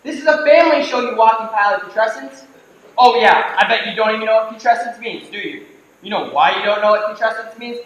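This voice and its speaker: A man's voice: high-pitched, expressive, fast talker, a bit bright. A man playing a snide, short-tempered storyteller, delivering a sarcastic, theatrical comic monologue on stage. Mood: snide, irate. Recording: very echoey stage, distant mic, faint noise.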